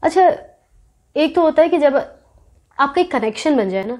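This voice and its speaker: A woman answering interview questions in an earnest, thoughtful way, pausing often and mixing English words into her speech. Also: high voice, expressive, a little mellow. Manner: earnest, thoughtful, talks at length, with frequent pauses. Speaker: interview guest. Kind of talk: reflective interview conversation.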